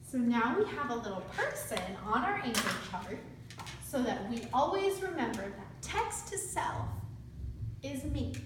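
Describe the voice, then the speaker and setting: A student teacher reads aloud to a class of young children, using simple instructional phrasing and prompting them with questions. Her voice sits high, very animated and a little slow. The room is very echoey, with a distant mic and faint noise.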